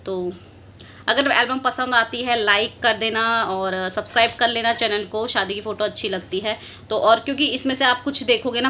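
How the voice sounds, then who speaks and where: A young woman vlogger chats casually with her viewers while showing her wedding album. She talks in an easy, chatty way, breaking into laughs between remarks at a middle pitch. A faint hiss runs under the recording. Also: sharp tone.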